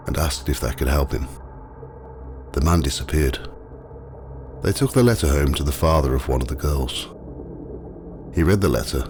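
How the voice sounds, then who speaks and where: A man narrating a scripted ghost walk as the guide, telling the stories in a measured, matter-of-fact way. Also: a bass voice. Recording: clearly noisy, ambient sound behind.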